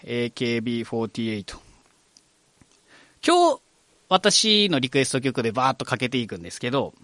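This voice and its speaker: A man's voice: mid-range voice, fairly bright tone, no echo. A man hosting a live radio program, speaking with a Kagoshima accent in a chatty, friendly way. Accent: Kagoshima dialect. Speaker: radio host.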